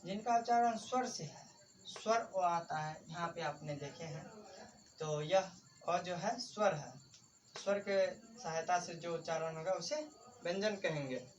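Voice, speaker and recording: A man's voice: a little high, unhurried, lo-fi sound. A man teaching grammar in a video lesson. He asks questions and answers them himself, repeats key points, and calls his listeners friends. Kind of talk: classroom-style video lesson. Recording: distant mic with faint background noise.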